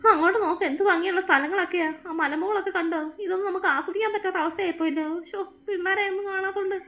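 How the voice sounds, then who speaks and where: Woman playing a worried old granny in a kids drama, super high voice, talks really fast, keeps fussing. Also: steady tone, a bit bright. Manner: anxious, exclaiming. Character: worried elderly grandmother, fretting over the children. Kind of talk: Malayalam kids' fan drama.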